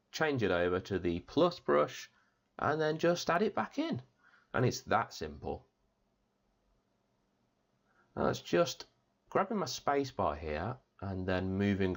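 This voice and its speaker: A man hosting a step-by-step software tutorial, chatty and upbeat, his voice strained after an operation. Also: deep voice. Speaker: tutorial host.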